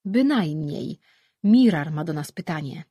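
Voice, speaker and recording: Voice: mid-range voice, expressive, a little slow, warm tone, breathy edge, dry recording. A reader voicing Tamun, a spiteful-sounding old woman's mind voice, dry and teasing, in a fantasy audiobook.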